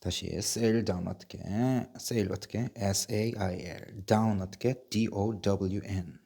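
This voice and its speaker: Male teacher, low voice, very slow pace, spells words letter by letter, patient repetitive drill, occasional cough. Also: fairly even intonation, gravelly, mellow, husky. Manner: patient, repetitive, asks and answers himself. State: coughing, bronchial trouble. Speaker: English teacher.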